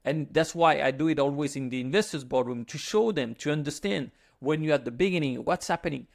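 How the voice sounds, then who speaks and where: A man's voice: a little high, a little fast, gravelly. A man from France with a French accent, talking to camera in a casual, joking monologue with self-mocking asides. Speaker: finance YouTuber.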